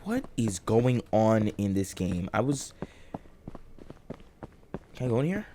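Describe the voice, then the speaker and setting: A young man with a groggy morning voice giving rambling, halting commentary while playing a game, full of fillers and restarts. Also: lowish voice, very animated, dark tone, a little hiss or hum. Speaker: gaming channel host. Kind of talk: casual let's-play commentary.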